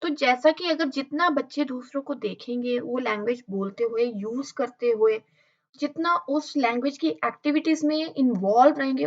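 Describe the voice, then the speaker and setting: A woman teacher giving a lecture, explaining in Hindi and reading English lines slowly and deliberately. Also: sits high. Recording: slightly dull lo-fi audio.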